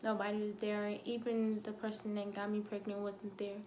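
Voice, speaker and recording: A young woman telling a painful personal story, halting with many fillers and fighting back tears. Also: medium pitch, completely flat delivery, a little mellow, slight background noise. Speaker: vlogger.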